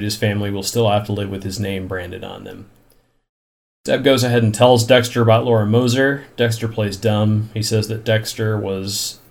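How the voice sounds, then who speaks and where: Incredulous low-voiced man recapping. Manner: incredulous, recounts plot in long run-on stretches. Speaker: podcast host recapping a TV episode. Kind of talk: casual chat and plot recap.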